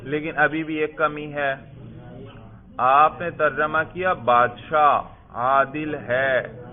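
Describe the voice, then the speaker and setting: A man's voice: on the high side, steady tone. A man teaching an Arabic grammar lesson, questioning students and drilling their answers. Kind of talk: classroom lesson. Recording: phone-like narrow sound.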